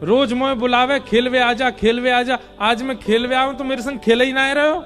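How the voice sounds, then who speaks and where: A man's voice: very high-pitched, fairly even intonation, normal speed, a bit bright, faint music behind, pitched above the performer's own voice. A man voicing a playful child deity who teases his friend in a rustic dialect. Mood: teasing. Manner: teasing, scolding playfully.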